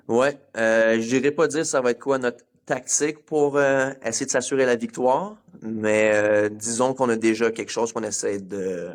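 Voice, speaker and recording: Québécois male competitor, relaxed and a bit hesitant. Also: mid-range voice. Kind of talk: casual interview.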